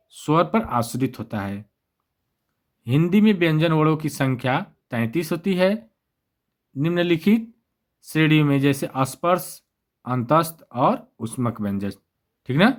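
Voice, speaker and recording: Guy teaching exam grammar, voice a bit on the high side, keeps asking himself questions and answering. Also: lively intonation, measured pace. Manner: repetitive, asks and answers his own questions. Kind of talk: exam-prep grammar lesson.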